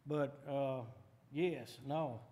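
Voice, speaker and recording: A man speaking haltingly in a council meeting, often restarting. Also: medium pitch, steady tone, dark tone. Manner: halting, repeats himself. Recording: long reverb in council chamber.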